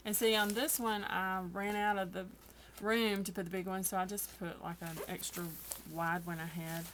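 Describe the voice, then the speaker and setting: A woman's voice: medium pitch, little pitch movement, normal speed, fairly bright tone, slight background noise. A tired woman chatting casually through a craft tutorial, rambling and poking fun at herself. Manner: chatty, self-deprecating, rambling. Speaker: craft vlogger.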